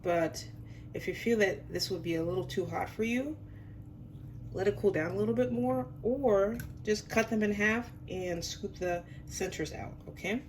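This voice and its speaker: A woman's voice: mid-range voice, normal speed, a little mellow, a little hiss or hum. A woman hosting a casual cooking demonstration, chatty and self-deprecating, with a voice that sounds a little under the weather. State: under the weather, voice affected by illness. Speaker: host of a home cooking show. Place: home kitchen.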